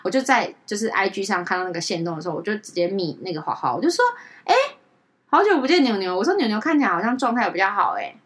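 A woman, a pet communicator chatting on a podcast and retelling conversations, acting out the other voices with big leaps in pitch. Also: racing, few pauses. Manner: animated, acts out quoted dialogue with big pitch jumps. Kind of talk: casual podcast storytelling.

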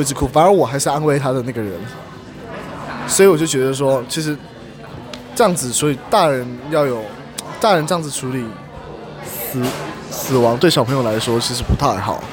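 A man, talking earnestly and haltingly in a casual chat. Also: mid-range voice. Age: 20s. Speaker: podcast guest.

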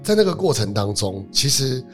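A man, a lawyer guest telling a personal story in an interview, animated and swinging between loud and hushed. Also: mid-range voice, normal speed, soft background music.

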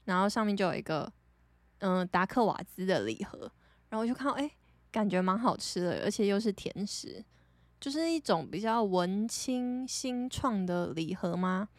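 A young woman from Taiwan with a Taiwanese Mandarin accent, hosting a podcast and telling stories casually, chatty and animated, laughing often. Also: medium pitch, normal speed, no room sound. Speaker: podcast host. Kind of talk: casual storytelling monologue.

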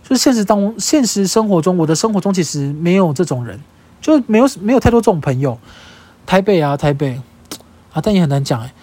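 Lively, husky Taiwanese Mandarin podcaster. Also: mid-range voice, fast. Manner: emphatic, expressive, casually profane. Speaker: podcast host. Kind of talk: casual solo podcast monologue.

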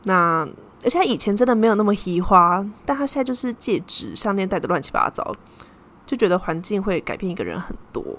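A woman's voice: mid-range voice, sing-song, fairly quick, a bit bright. A young woman hosting a podcast, telling a story in a chatty, casual way and dropping Japanese terms into her talk. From Taiwan. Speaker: podcast host.

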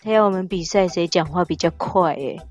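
Voicing a playful pet dog who co-hosts a podcast and responds to listener comments, a woman speaks fairly quickly in a lowish, darkish, everyday-sounding voice. Her Taiwanese Mandarin-accented delivery is giggly and teasing, and the audio is slightly dull with music underneath.

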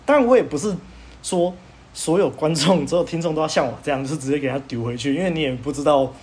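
A young man, hosting a podcast and telling a story in casual chat, animated and laughing as he goes. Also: a little high, fast talker. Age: young adult. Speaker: podcast host.

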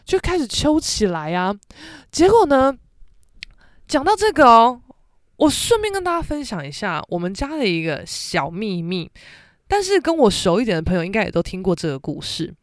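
A woman's voice: on the high side, moderate pace, dry recording, clean studio sound. A young woman with a Taiwanese Mandarin accent, hosting a podcast and telling family stories casually, acting out the voices of relatives. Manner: animated, acts out family members' voices. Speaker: podcast host. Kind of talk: casual storytelling.

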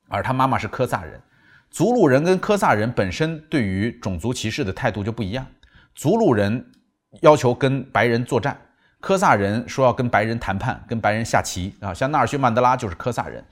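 A man recaps a memoir as a storytelling book host, voice swinging widely in pitch. His delivery is animated and keeps acting out the people in the story. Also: normal speed. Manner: animated, acts out quotes.

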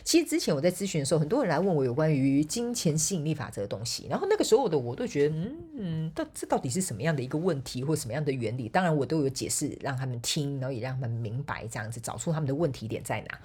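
Woman, Taiwanese Mandarin accent, podcast host, low pitch, lively swooping delivery, quick talker, chatty storytelling. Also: slightly rough. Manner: chatty, laughs often, gropes for words. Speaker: podcast host and motivational speaker. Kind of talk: casual solo podcast storytelling.

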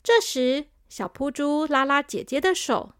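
A woman storyteller reading a children's story, gentle and speaking to young listeners. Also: high voice, expressive, measured pace, dry recording, clean studio sound.

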